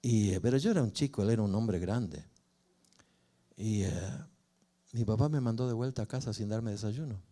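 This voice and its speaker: An older man, a pastor telling a personal story in a sermon with expressive rises and falls. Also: lowish voice, normal speed, long pauses. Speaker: pastor and family counselor.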